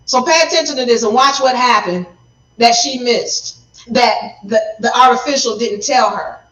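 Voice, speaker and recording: A woman with a voice on the high side and a bit bright hosts a livestream, recorded on a phone from a distance in an echoey room, so the audio is poor. She gives livestream commentary, explaining her point in an emphatic, lecturing way and speeding up and slowing down for stress.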